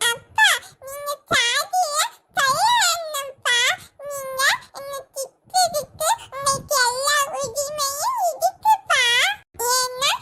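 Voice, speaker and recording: A woman's voice: very high voice, expressive, slow pace, sharp tone, exaggerated voice. A woman voicing a sweet, earnest little boy in a cartoon, speaking tearfully and coaxing his father.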